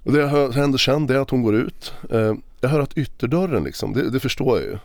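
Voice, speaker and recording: A man's voice: medium pitch, dry recording. Guy on a podcast, stumbling and restarting, emotional telling, dry close sound. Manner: halting, emotional, many restarts. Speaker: podcast guest. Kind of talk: personal storytelling in a podcast interview. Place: podcast recording session.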